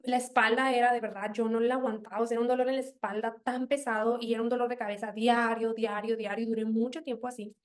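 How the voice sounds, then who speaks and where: A young woman giving an earnest, animated personal faith testimony, often quoting her own past words. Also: a little high, fast talker, few pauses.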